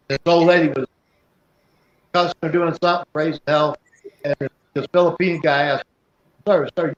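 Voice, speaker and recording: Man on a cutting-out, echoey mic. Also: fairly high pitch. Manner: rambling, repeats himself while telling a story. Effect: mic cutting out every few seconds, uneven volume. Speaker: remote chat guest. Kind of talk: casual chat, telling an anecdote. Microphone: remote mic, sitting far from it. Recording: echoey, dull remote mic with faint noise.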